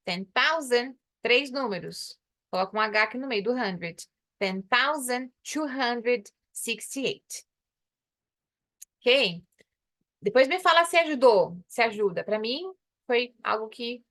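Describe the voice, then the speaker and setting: A woman from Brazil teaching an English lesson, explaining patiently and slowly repeating English phrases. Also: a little high, fairly bright tone. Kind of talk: online English lesson in Portuguese.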